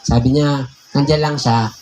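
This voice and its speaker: A man with a Filipino accent, a pastor telling a personal story in a conversational, animated sermon, often laughing. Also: medium pitch, moderate pace, faint music behind. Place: church hall.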